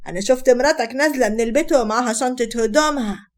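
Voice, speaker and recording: A woman's voice: on the high side, rapid-fire, lightly acted. Woman doing a stern, commanding Egyptian mother. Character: stern protective Egyptian mother-in-law, older.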